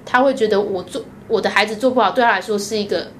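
A woman with a Taiwanese Mandarin accent, a guest telling candid personal stories in an animated way, laughing often and acting out the voices she quotes. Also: mid-range voice, quick pace, a little hiss or hum.

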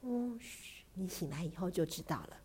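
Woman reader doing a soft-spoken, patient storybook mom. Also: fairly high pitch, big pitch swings, moderate pace, pitched above the performer's own voice. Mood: hushed. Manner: soft, coaxing, hushed at times. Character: gentle patient mother.

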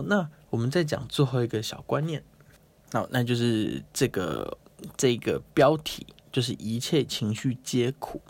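A man's voice: mid-range voice, creaky. A man hosting a casual, playful explainer talk, chatting and acting out quotes. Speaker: host.

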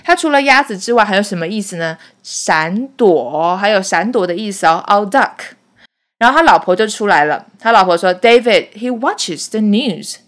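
A woman's voice: mid-range voice, animated, moderate pace. A woman teacher patiently explaining English film dialogue line by line, mixing English phrases into her explanations.

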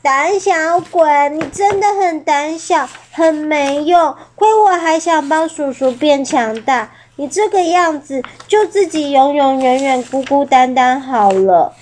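A spirited little flying-dinosaur girl from a storybook, with a high, childlike voice that pushes hard on her words as a woman puts her on. She talks slowly and clearly. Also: mellow, a little hiss or hum. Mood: scolding.

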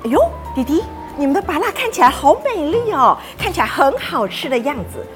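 A woman's voice: high-pitched, very animated, fairly quick, soft background music, voice pushed up. A woman voicing a friendly lady shopper, sweet and admiring. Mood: pleased.

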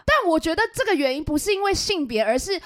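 A young woman, co-hosting a podcast in casual chat, chatty and teasing, with quick reactions. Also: very high voice, very animated, a bit bright, no room sound, clean studio sound. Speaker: podcast co-host.

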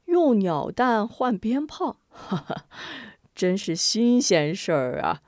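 A woman's voice: mid-range voice, big pitch swings, slow, darkish tone, no echo, studio quality. A woman voicing a kind, jolly old male shopkeeper who speaks in a good-natured, chuckling way. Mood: kindly.

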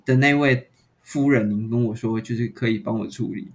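A man, hosting a podcast and retelling a story in a casual, animated and exasperated way. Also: medium pitch, moderate pace. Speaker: podcast host.

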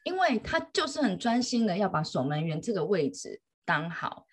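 Lively mom chatting, pitch jumps all over, laughs a lot. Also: female voice, normal speed, husky. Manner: animated, laughing storyteller. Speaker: mother telling a story. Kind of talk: casual chat.

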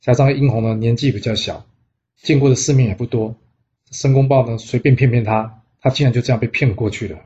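A man's voice: medium pitch, brisk, dark tone, highs cut off. A man narrating a classic tale in a chatty way, asking rhetorical questions as he goes. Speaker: storyteller. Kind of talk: storytelling narration.

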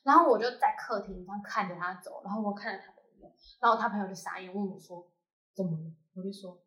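A woman from Taiwan tells her story in relaxed podcast chat, acting out the other people's lines. Her voice is bright and clear. The recording has a roomy echo. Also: mid-range voice, fast talker. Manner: animated storytelling, quoting others in lively voices. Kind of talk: casual chat.

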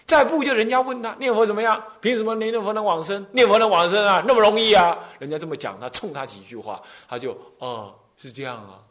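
A middle-aged male Buddhist abbot with a Taiwanese Mandarin accent, giving a dharma talk as animated storytelling. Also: high-pitched, fast, few pauses. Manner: animated storytelling, acts out quoted voices.

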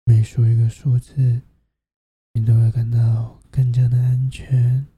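A host narrating a guided sleep meditation like a sleep story narrator, in a soft, soothing, half-whispered delivery. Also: medium pitch, flat delivery, measured pace, husky, no echo.

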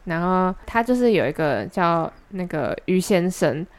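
At a measured pace and in a lowish voice, a young woman with a Taiwanese Mandarin accent co-hosts a podcast. She relates a long anecdote in a chatty, animated way, performing the other people's lines as quoted dialogue.

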